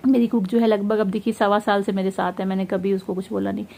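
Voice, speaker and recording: Fast-talking young woman vlogger at home. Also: medium pitch, vocal fry. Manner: fast, animated recounting with quoted dialogue. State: unwell and tired. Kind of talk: casual vlog storytelling.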